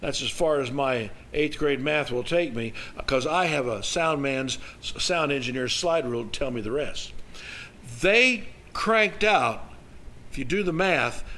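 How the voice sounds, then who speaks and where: A man speaks as a preacher telling a story. His voice is slightly high and clearly bright and forceful. The delivery is folksy and animated, with halting restarts as he works through each thought. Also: a little hiss or hum. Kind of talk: sermon storytelling, conversational.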